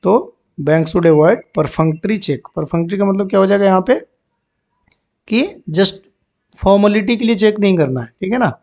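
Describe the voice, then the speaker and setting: A man with a high, slightly mellow voice and noticeable vocal fry teaches English vocabulary for bank exams. Each word gets a Hindi explanation, terms are repeated, and "ठीक है ना" comes up often as a check-in. He reads example sentences slowly and deliberately.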